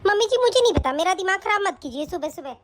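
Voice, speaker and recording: Brief: a woman doing a bratty young daughter-in-law for a cartoon, whiny and defiant, very high voice. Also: expressive, fast talker, a bit bright. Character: spoiled quarrelsome young married daughter. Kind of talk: animated story voice acting.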